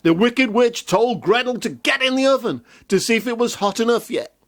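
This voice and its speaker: A man's voice: very high voice, normal speed, a bit bright, dry recording, studio quality. A man reading a children's fairy tale aloud in a playful way with jokey asides. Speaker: storyteller.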